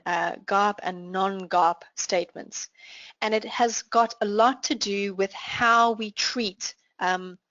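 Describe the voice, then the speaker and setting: A woman with a South African accent, teaching a finance class online and walking through examples in a clear, explanatory way. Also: mid-range voice, dry recording, highs cut off. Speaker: finance instructor. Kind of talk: live online class lecture.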